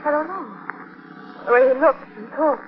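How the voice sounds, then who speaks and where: A woman's voice: high voice, normal speed, soft background music, lightly acted. A woman playing a nervous, hesitant wife in an old radio drama, anxious and faltering. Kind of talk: 1940s radio drama acting. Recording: noisy, dull old radio recording.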